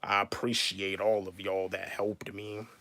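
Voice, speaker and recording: A young man in his twenties talks to his viewers in a relaxed livestream, circling back to the same points again and again. His delivery is slow and unhurried, his voice bright and forward, and the sound is dry and close with no room around it. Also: sits low, no echo. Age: 20s. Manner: repetitive, restates each point, calls out viewers by name. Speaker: YouTuber and rapper. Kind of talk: casual livestream chat with viewers.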